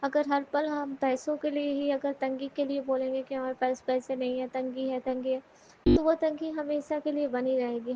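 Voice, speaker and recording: A woman speaks in a high, narrow-ranged voice, sharing an earnest devotional testimony. She keeps turning to address her listeners directly. The recording is dull and lo-fi, with a faint hiss underneath.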